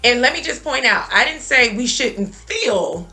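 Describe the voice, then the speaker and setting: A woman's voice: fairly high pitch, expressive, a little slow, sharp tone, faint music behind. A woman in her thirties talking earnestly about faith and telling her own story as a guest on a talk show. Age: 30s.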